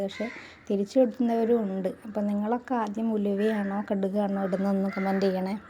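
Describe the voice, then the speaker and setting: A middle-aged woman from Malappuram, Kerala, who runs a cooking channel, narrates a home cooking voice-over in a chatty way, often adding friendly tag words. Her mellow voice stays fairly level in pitch, and a faint hiss of noise runs underneath.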